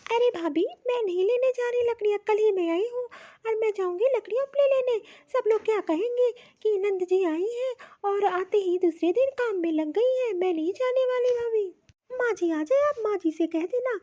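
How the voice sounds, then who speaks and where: Cartoon: woman doing a whiny spoiled daughter, very high, dark tone, lo-fi. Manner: whiny, demanding. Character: spoiled young married daughter, demanding, whiny.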